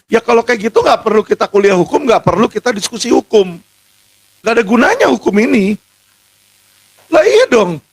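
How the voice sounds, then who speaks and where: A middle-aged man, a lawyer, giving an impassioned, indignant speech that rises at times to shouting. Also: very high-pitched, big pitch swings, normal speed, vocal fry, long pauses, husky, rough recording.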